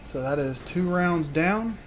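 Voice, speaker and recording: A man improvising narration as game master of a tabletop game, explaining in a halting way. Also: high-pitched, lively intonation, faint music behind. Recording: faint background noise.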